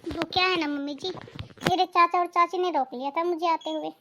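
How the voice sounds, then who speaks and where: A woman voicing a high-voiced daughter-in-law who talks back. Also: steady tone, a little fast, noisy background. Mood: firm. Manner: polite but firm, answering back. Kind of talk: cartoon family drama voice-over.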